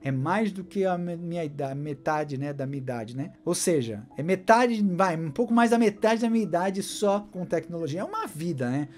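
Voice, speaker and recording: A man, giving a heartfelt, animated year-end thank-you to camera from a home studio. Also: fairly high pitch, normal speed, few pauses. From Brazil. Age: 40s. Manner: warm, gesturing animatedly, emotional. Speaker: tech YouTuber. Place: home studio with gaming chair and collectibles.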